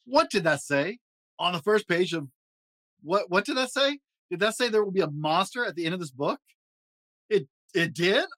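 Man putting on a high, jumpy furry storybook monster, fretful and pleading, swings all over, dry close sound. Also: expressive, normal speed, fairly bright tone, no room sound. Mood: scared. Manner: fretful, begging, dramatic exclamations. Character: lovable furry blue male monster, nervous and pleading. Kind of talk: storybook reading.

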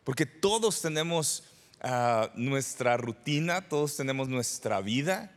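A pastor in his forties from El Salvador preaches a sermon in a church sanctuary, conversational in style, using rhetorical questions and repeated phrases. His medium-pitched voice is animated and unhurried, echoing through the reverberant hall.

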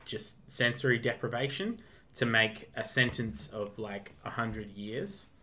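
A man's voice: medium pitch, big pitch swings, a little slow, bright, forceful tone, slight background noise. A young Australian man chatting in an easygoing, teasing way. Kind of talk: casual chat.

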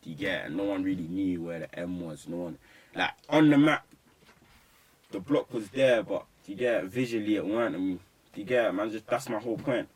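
A man's voice: on the low side, fairly quick, slightly rough. A young man with a London roadman accent, talking emphatically and preachily in heavy street slang in a casual interview. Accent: London roadman, urban slang. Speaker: rapper being interviewed. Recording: slightly distant microphone.

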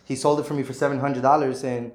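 A man's voice: medium pitch, little pitch movement, fast, a little mellow. Guest: thirties man, earnest and frank, echoey empty room. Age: 30s. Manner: earnest, frank, repeats words, many "you know"s. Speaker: realtor and property investor, guest. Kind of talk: casual interview. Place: vacant apartment unit indoors.

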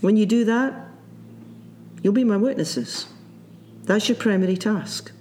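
A man preaching a sermon, reflective and unhurried, often repeating his key phrases for emphasis. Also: sits high, darkish tone, a little hiss or hum. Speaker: pastor.

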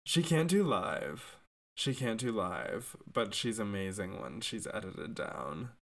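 A young man co-hosting a casual pop-culture podcast, talking in a campy, animated way with exaggerated outbursts. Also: on the low side, slow, gravelly. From United States. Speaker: podcast co-host.

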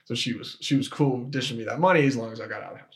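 Young male podcast guest, casual storyteller, rambling with restarts and fillers, mid-pitched voice. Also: racing. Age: young adult.

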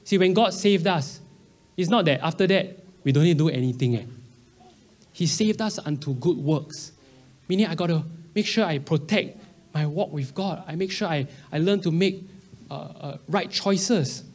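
Singlish-speaking young man preaching, higher-pitched voice. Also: normal speed, a little mellow. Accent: Singaporean. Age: early 30s. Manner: colloquial Singlish with particles and slang. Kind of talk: conversational sermon.

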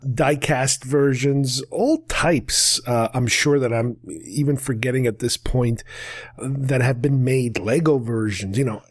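A man's voice: medium pitch, a little slow. A man hosting a podcast, talking casually and enthusiastically in a rambling way. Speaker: podcast host. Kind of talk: casual solo podcast talk.

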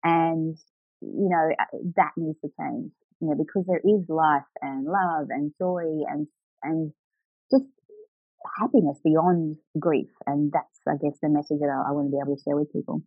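A woman's voice: sits low, steady tone, normal speed, no room sound. A dull, band-limited recording of a middle-aged woman being interviewed as a coach. She speaks in an earnest, reflective way about her own experience. The sound is dry, with faint music behind. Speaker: guest, grief recovery coach. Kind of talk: personal storytelling in an interview.

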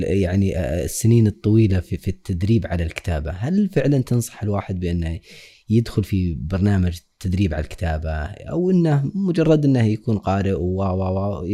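A man hosting a podcast, asking soft-spoken, hesitant questions. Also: sits low, sing-song, quick pace. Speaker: podcast host. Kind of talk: podcast interview.

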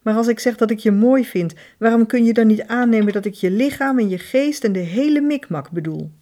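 A woman's voice: a little high, a little fast, dark tone, pitched above the performer's own voice, close to an everyday voice. A woman voicing a passionate married woman in love in an audiobook, earnest and urgent. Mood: insistent. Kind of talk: audiobook character voice.

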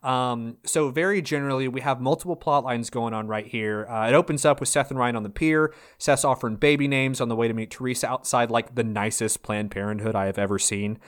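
A man co-hosting a casual podcast, trading jokes with friends and reading out a playful, punchy episode intro. His voice sits at an ordinary middle pitch. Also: brisk, hardly any pauses. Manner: playful, jokey scripted intros. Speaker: podcast co-host.

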